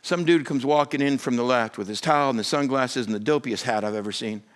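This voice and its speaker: A male pastor telling a comic story in a sermon, animated and rising in pitch as he gets excited. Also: quick pace, clear, resonant tone. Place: church or conference hall.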